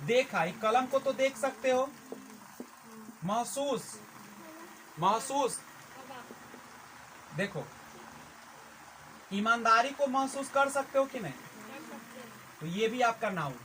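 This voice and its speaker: A man's voice: extremely high pitch, animated, background noise. A man teaching English in a classroom, questioning his students as he explains. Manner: quizzes the class, slow and drawn out. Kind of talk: classroom lecture.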